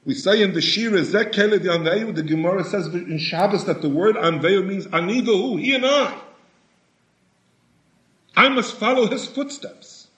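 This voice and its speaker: A man giving a sermon in a halting way, often repeating words and rising in pitch for emphasis. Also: fairly bright tone. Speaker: rabbi. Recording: echoey room, dull lo-fi sound.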